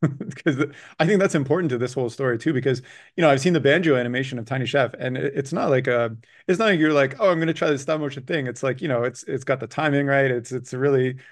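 A man's voice: mid-range voice, fast talker. A man hosting a casual interview, asking enthusiastic questions. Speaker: podcast host.

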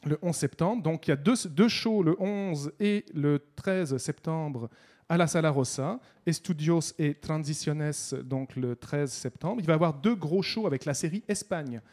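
Chatty man, slightly high voice. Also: darkish tone. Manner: halting, many restarts, chatty. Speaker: festival guest columnist. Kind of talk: casual radio chat.

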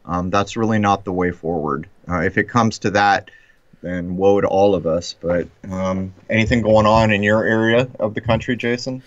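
An American man hosting a casual live-stream commentary, phrasing his thoughts in a deliberate, hesitant way over muffled call audio. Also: fairly low pitch, steady tone, dry recording. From United States.

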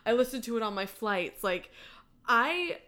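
A young woman co-hosting a relaxed podcast chat, bubbly and gushing as she talks. Her voice has a bright, forceful edge that cuts through. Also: a little high. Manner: bubbly, gushing, quick laughs. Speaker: podcast co-host. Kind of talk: casual chat.

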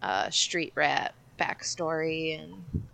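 A woman co-hosting a podcast, relaxed and chatty about the games she plays. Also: low voice, gravelly. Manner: relaxed and chatty, quick to agree. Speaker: podcast co-host. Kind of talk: casual podcast chat.

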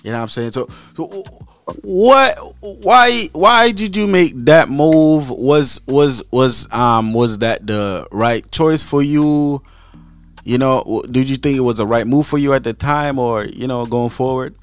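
A man's voice: medium pitch, a little slow, clean tone, no echo, soft background music. A man hosting a podcast in casual, slangy interview chat, often stammering and repeating his words. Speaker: podcast host.

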